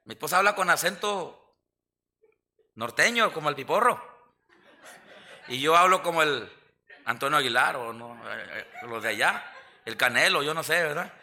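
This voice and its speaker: Mexican man, pastor, church sermon; very bright tone, folksy and joking, calls for amens. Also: a little high, lively intonation, normal speed, long pauses. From southern Mexico.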